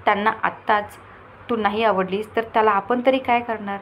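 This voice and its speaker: A woman's voice: mid-range voice, fairly even intonation, normal speed, highs cut off, slight background noise, natural voice. A woman playing a fussy, doting mother. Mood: coaxing. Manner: scolding then coaxing. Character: middle-aged mother, fussy but affectionate.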